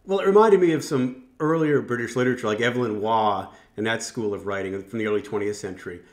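A man hosting an interview, reading a scripted introduction and asking measured, prepared questions. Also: on the low side. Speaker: interviewer and host.

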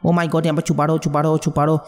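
Gamer guy talking over his horror game, jumpy and excited, bit high pitched. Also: very fast, long reverb tail. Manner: excitable, jumpy, mixes English words. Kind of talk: let's play commentary.

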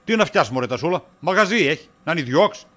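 A man's voice: on the high side, expressive, fairly bright tone. A man playing a teasing, cagey friend. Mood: evasive. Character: teasing friend, middle-aged man named Kostas. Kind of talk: comedy sketch acting.

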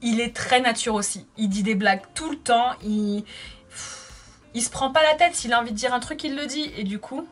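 Woman, 30s, chatty makeup vlogger, slightly high voice, faint music behind. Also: normal speed. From France. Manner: chatty and bubbly, reads viewer comments aloud. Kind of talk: casual chat answering live comments.

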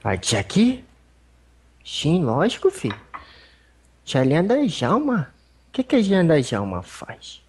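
A medium voicing an old male spirit elder with a Brazilian accent, speaking in a husky, folksy, rambling way during a religious consultation. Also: mid-range voice, huge pitch swings, unhurried, pauses often, a little mellow, a little hiss or hum. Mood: fatherly. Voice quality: husky, rambling, folksy speech with fond asides.

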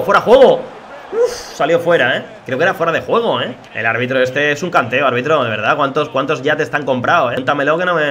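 A young man from Spain commenting on his football video game as he plays, talking to viewers and reacting loudly to the match. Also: medium pitch, slight background noise. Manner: excitable, talks to viewers as chavales and familia, reacts loudly to plays. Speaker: gaming YouTuber. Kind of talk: live gameplay commentary.

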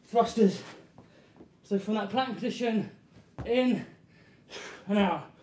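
A man's voice: high-pitched, slow pace, a little mellow. A man, out of breath as he coaches a workout while exercising, giving short motivational cues. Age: 30s. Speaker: fitness coach. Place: indoor gym studio with hard floor. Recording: echoey room, audible background noise.

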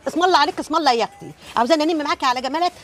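A woman playing a sharp-tongued neighbourhood gossip. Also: high-pitched, very fast, slight background noise, lightly acted. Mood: teasing. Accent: Egyptian Arabic. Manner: scolding, teasing, haggling.

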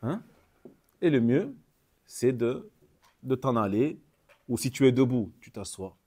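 Guy teaching a religious lesson, husky voice, pitch bouncing up and down, says things twice to drive them home. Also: lively intonation, unhurried, mellow. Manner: repeats key phrases for emphasis, mixes in Arabic phrases. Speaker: Islamic teacher. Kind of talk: religious lesson commenting on a hadith text.

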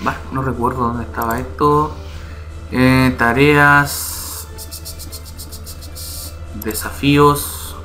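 Faint music sits behind a YouTube host as he casually explains a website step by step in a screen recording, often asking viewers "¿ya?" and "¿vale?". His medium-pitched voice is steady, bright, and forceful, with drawn-out words and frequent pauses.

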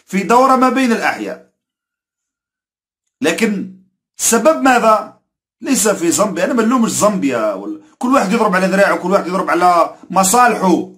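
An Algerian Arabic-accented football commentator, his voice sitting high with a fairly bright tone, goes on an emphatic rant to camera about football. He keeps repeating his points and giving indignant warnings.

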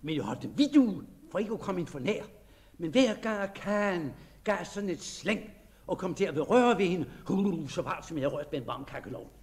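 Male narrator, dramatic diary reading, hesitant and shy, fairly high voice, soft dreamy stretches. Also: animated.

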